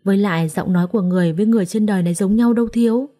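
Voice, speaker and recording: A woman voicing a practical sister-in-law in a told story, talking in a brisk, matter-of-fact way. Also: medium pitch, dark tone, lightly acted. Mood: reasoning.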